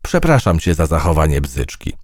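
A plucky little female mouse with an eager, earnest way of talking, her voice raised lightly above a man's low register, as a man acts her out. Her tone bounces with lively, expressive lift. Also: moderate pace, dry recording, studio quality, full character voice.

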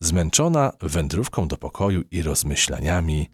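A man narrating a children's audiobook in an expressive storytelling manner. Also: rumbling low, normal speed, slightly rough.

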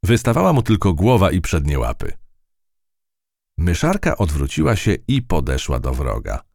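A man narrating a children's storybook in an expressive, unhurried way. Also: deep voice, gravelly, dry recording, clean studio sound. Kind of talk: storybook reading.

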